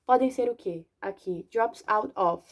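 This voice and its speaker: A young woman giving a casual video lesson on English, chatty and slangy, correcting herself and reading example sentences slowly. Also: medium pitch. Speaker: English teacher.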